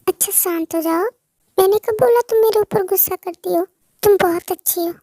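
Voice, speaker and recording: A high-voiced performer playing a gentle, caring young man who talks softly and reassuringly in a fan-dubbed romance drama. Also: a little fast, dry recording. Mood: soothing. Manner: soft reassuring talk.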